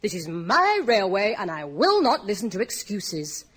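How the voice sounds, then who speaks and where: A woman voicing a pompous male railway boss who shouts sternly in a comic storybook reading. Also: mid-range voice, wildly swooping pitch, moderate pace, breathy edge. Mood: furious scolding.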